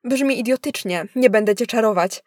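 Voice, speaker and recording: A woman voicing a wealthy, sharp-tongued wife who answers with sarcastic doubt. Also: on the high side, normal speed, no room sound, studio quality, close to an everyday voice. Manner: sarcastic, sceptical.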